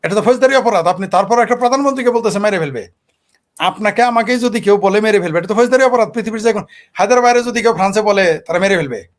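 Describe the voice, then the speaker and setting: A man from Bangladesh with a Bangladeshi Bengali accent, giving heated political commentary on a talk show and firing off rhetorical questions. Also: sits high. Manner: combative, fires rhetorical questions.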